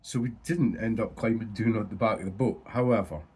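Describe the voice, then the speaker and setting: With a fairly low, husky, slightly mellow voice and a fairly quick pace, a man from Scotland chats to camera about fishing. His nose is blocked, so he sounds stuffy and nasal, and his casual talk is full of swearing and ums.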